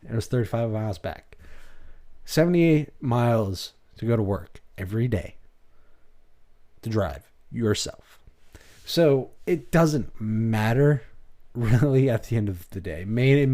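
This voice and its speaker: A man's voice: medium pitch, lively intonation, unhurried, warm tone. A man with a Maine accent giving blunt, rambling reaction commentary as host of his channel.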